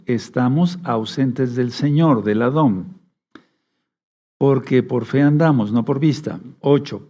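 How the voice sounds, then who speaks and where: Man preaching with a mellow voice. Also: medium pitch. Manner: checks in with listeners often; reads scripture aloud slowly. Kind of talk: sermon teaching.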